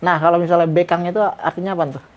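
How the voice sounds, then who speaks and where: A man's voice: sits high, fairly even intonation, quick pace, dull audio. A man hosting a casual interview, firing off short, prodding questions. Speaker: interviewer host.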